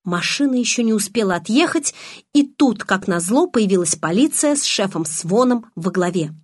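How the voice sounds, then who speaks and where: A woman narrating a novel in the first person, with expressive storytelling. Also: medium pitch, normal speed, husky, no echo, studio quality. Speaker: audiobook narrator.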